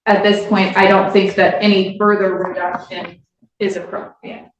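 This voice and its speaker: A woman's voice: medium pitch, flat delivery, a little hiss or hum. Woman prosecutor in an echoey courtroom recording. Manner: measured, formal, deliberate. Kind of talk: formal courtroom argument. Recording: echoey, distant, dull courtroom audio.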